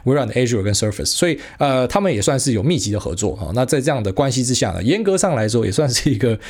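A man with a Taiwanese Mandarin accent talks through the markets on his own podcast at a brisk clip. His voice sits mid-pitch, and his talk is casual and blunt, full of fillers and the odd swear word. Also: sing-song, a little mellow, breathy edge. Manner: fast, slangy and blunt, with frequent fillers and mild swearing. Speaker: podcast host. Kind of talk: casual solo market commentary.

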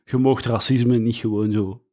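A man's voice: mid-range voice, steady tone, normal speed, dark tone. A young Flemish man co-hosting a podcast in casual chat, rambling with many fillers and restarts. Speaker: podcast co-host.

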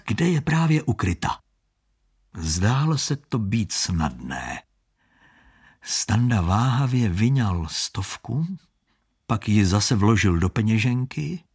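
A man narrating an audiobook story in an expressive, shifting storytelling manner. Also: mid-range voice, breathy edge.

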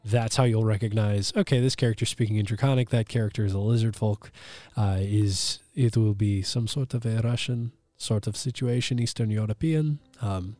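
A man's voice: fairly low pitch, fairly even intonation, moderate pace, few pauses, a little mellow, no room sound. A man narrating a tabletop game as game master, casual and chatty, with many fillers and self-corrections.

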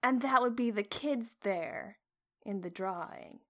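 A woman's voice: fairly high pitch, measured pace, bright, forceful tone. Eager woman player. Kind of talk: casual tabletop play.

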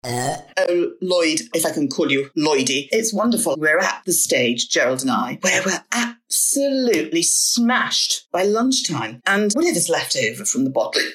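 A woman's voice: sits low, very animated, unhurried, fairly bright tone, heavily acted. A woman playing a tipsy, posh celebrity chef who hiccups, slurs and rambles in a comedy radio sketch. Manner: slurring, hiccuping, rambling, theatrical.

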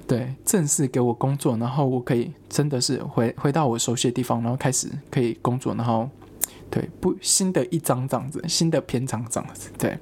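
A young adult tells a personal story in a relaxed, chatty way, full of fillers. The voice is husky and a bit breathy, at a middling pitch. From Taiwan. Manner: chatty, many fillers, lively acted-out quotes. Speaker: vlogger. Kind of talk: casual storytelling to camera.

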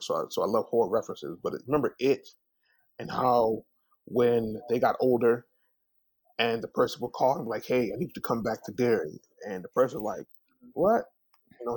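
The recording is dry and rough, carrying a husky man's voice in the mid range. Interviewed as a singer, he chats through anecdotes, acts out what people said, and throws in frequent asides studded with "you know" and "man."

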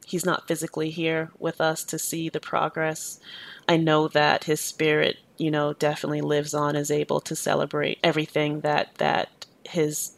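A Jamaican-born woman in her thirties, an educator and activist, answers questions as an interview guest. She speaks thoughtfully and earnestly in a deep voice with vocal fry, often saying "you know."

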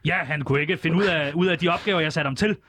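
A man in a radio studio, playing an interview guest and telling a rambling story in a deadpan comic way, with hesitant fillers. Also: fairly high pitch.

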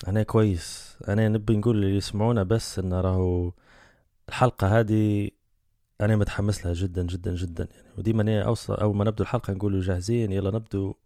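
Man, Libyan accent, podcast host, dark mellow tone, enthusiastic, thinks out loud. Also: fairly low pitch, little pitch movement, rapid-fire, no room sound, studio quality. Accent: Libyan Arabic. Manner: enthusiastic, musing aloud. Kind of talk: casual podcast conversation.

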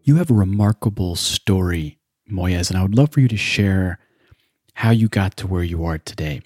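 A man hosting a podcast interview, asking measured, reflective questions. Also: sits low, lively intonation, a little mellow. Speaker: podcast host.

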